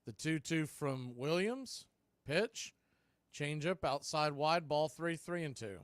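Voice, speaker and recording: A radio announcer with a voice a touch high for a man calls a baseball game pitch by pitch, brisk and conversational as he tracks the count. He sounds animated and a bit bright, recorded dry and close with no echo or room around him.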